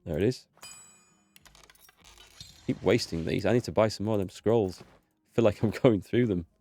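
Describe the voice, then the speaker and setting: Faint music plays behind a gaming video host whose stuffy nose and recovering voice reveal he's had a cold. In his fairly low, warm voice, at a moderate pace, he casually comments on his game, thinks out loud, and reads text from the screen in a relaxed let's play.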